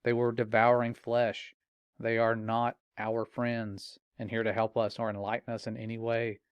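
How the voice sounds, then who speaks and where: A man's voice: mid-range voice, completely flat delivery, moderate pace, smooth, no room sound, lo-fi sound. A man earnestly warning other parents in a preaching, urgent tone. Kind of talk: earnest spoken warning to viewers.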